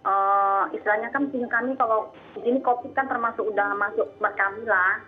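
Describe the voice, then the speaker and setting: A woman phoning in, speaking in a halting, informal way. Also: medium pitch, fairly even intonation, soft background music. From North Sumatra, Indonesia. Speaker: phone-in caller. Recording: tinny phone line.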